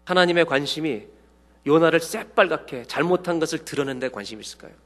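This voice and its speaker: A man preaching a sermon, acting out dialogue with sudden loud bursts to his congregation. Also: a little high, animated, quick pace. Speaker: pastor. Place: church sanctuary. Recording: long hall reverb.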